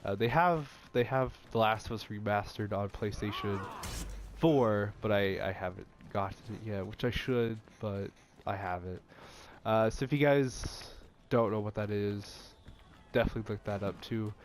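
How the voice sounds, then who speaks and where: This casual gaming vlog features a young male host whose stuffy nose comes through as he talks about video games. His voice sits on the low side and his pace is moderate, and his chat meanders with plenty of fillers and restarts.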